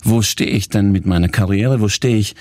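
A man's voice: lowish voice, moderate pace, a little mellow, dry recording, clean studio sound. A male coach speaking to viewers, talking in strings of questions and explaining his points. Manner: talks in strings of questions, acts out people's vague answers. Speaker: coach and trainer.

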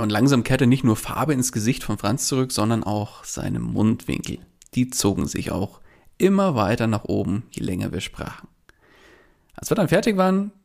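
A man with a gravelly, mid-range voice and a darkish tone hosts a podcast on his own. He describes a client's situation and coaches the audience directly, speaking casually with plenty of filler words.

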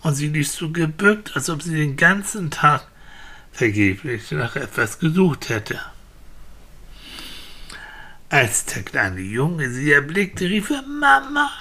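A woman hosting a children's show, telling a fairy tale in a lively way. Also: low-pitched, unhurried. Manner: lively storytelling, animated voices for villagers. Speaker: host and storyteller.

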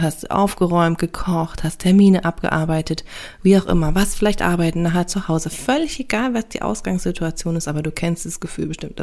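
A woman with a low, slightly mellow voice and vocal fry speaks as a parenting coach and podcast host. She's casual and reassuring, frequently ending sentences with little confirming fillers like "ja" and "ne."

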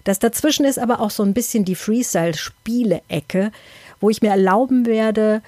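A woman's voice: mid-range voice, normal speed, dark tone, no room sound. A woman hosting a solo podcast in a chatty, rambling way, often interrupting herself with wry asides. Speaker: podcast host.

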